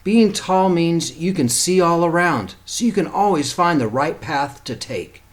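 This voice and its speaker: Man acting jolly old storybook uncle, folksy, encouraging, raised pitch, animated delivery. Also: a little slow, natural voice. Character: cheerful joking old country uncle, warm and encouraging.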